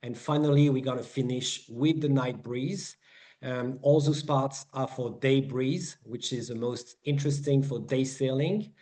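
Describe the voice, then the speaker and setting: Slow French-accented man teaching online. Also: medium pitch, dark tone. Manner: slow, explanatory, with many fillers and restarts. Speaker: sailing weather instructor. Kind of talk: online presentation lesson.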